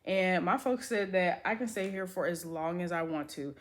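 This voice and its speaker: An American beauty vlogger in her twenties talks casually to camera in a lowish voice at a moderate pace. She's upbeat and chatty, using lots of filler words.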